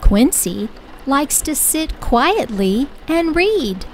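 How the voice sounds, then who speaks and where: A woman reading a children's picture book aloud with clear, expressive storytelling. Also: high-pitched, very slow, a little hiss or hum. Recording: soft music bed underneath.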